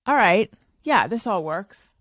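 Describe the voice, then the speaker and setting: A woman co-hosts a podcast, chatting casually with a wry, teasing edge. Her pitch moves around freely, and the recording is dry and close. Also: sing-song, unhurried, fairly bright tone, no echo. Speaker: podcast co-host. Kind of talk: casual chat.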